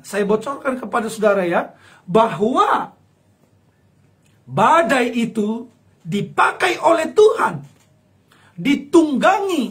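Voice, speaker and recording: A man's voice: very high-pitched, a bit bright. A male pastor, preaching a sermon in an emphatic style, acting out quoted voices and repeating phrases.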